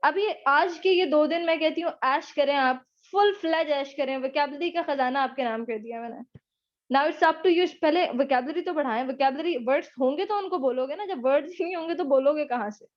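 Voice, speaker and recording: High-voiced Pakistani woman teaching English. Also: moderate pace, lo-fi sound. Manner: chatty, teasing and encouraging, mixing English into Urdu. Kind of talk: live online class lecture with Q&A.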